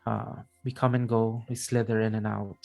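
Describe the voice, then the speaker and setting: A man voicing a calm, sinister male spider crime lord in a tabletop game, speaking in a measured, deliberate way. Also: on the low side, gravelly, faint music behind, pitched below the performer's own voice. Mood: calm, knowing.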